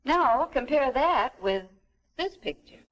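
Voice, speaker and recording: An actress playing a middle-aged, gentle and wise American mother in a stagy 1950s educational film, explaining things in a measured, tidy way. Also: sits high, expressive, muffled recording. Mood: gently instructive.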